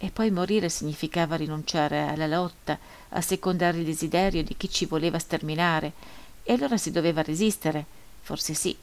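Brief: woman audiobook reader, lowish voice, grave, measured narration. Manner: measured, solemn, grave reading. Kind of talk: scripted narration of a first-person memoir.

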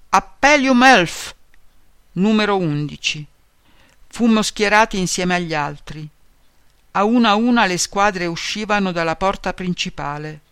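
Male book reader, high smooth voice, steady measured delivery. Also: dry recording. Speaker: reader of a memoir. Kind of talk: reading a book aloud.

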